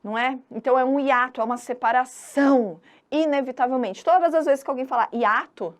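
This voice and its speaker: A woman's voice: high voice, fairly quick. A woman from Brazil giving an online exam-prep grammar lesson in a chatty, teasing way, drawing out syllables to stress a point. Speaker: Portuguese teacher.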